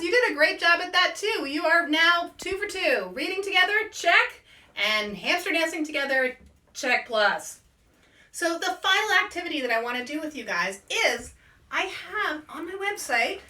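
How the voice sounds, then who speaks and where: This woman, an author leading story time for kids, has a high voice and calls out easy, upbeat directions for the children to echo back, lively action words coming again and again. Her mic is far off, so the room's echo comes through.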